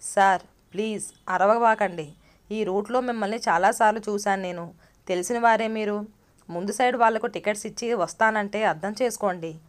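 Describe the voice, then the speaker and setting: Patient bus conductor lady, courteous, gentle, voiced by the storyteller herself. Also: medium pitch, brisk, close to an everyday voice. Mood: polite, patient.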